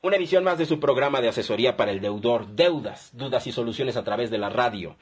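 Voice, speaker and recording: A man's voice: medium pitch, expressive, fast, husky. A man with a Mexican accent hosting a call-in radio advice show, chatty and upbeat as he reads listener messages and phone numbers.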